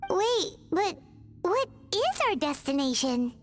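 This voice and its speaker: A woman voicing a small, childlike fairy girl companion in a video game, squeaky, expressive and easily worried. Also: takes it slowly, faint music behind, exaggerated voice. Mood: curious. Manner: speaks of herself in third person, expressive.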